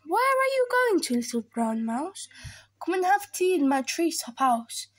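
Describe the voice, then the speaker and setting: A woman voicing a fussy male owl in a high, hooting voice. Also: very animated, a little slow, exaggerated voice.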